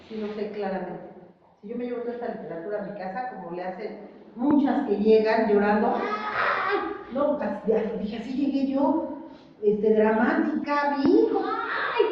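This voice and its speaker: A woman's voice: mid-range voice, a little hiss or hum. A middle-aged woman giving an emotional personal testimony at a support group meeting, acting out other people's voices. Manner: emotional, acts out other voices, self-mocking. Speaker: group member sharing testimony. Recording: echoey hall, distant mic, muffled.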